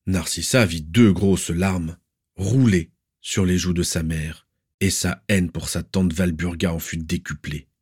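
Male audiobook narrator, lowish voice, measured dramatic reading. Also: fairly even intonation, a little mellow, slightly rough. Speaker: audiobook reader.

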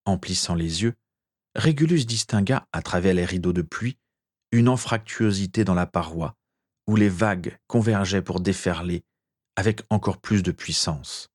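A man reading a story aloud with measured, expressive narration. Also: low-pitched.

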